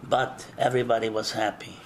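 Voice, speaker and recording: An older man from eastern Czechoslovakia giving an oral history interview, recalling things in a slow, measured way with frequent hesitations. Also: on the low side, level tone, a little hiss or hum.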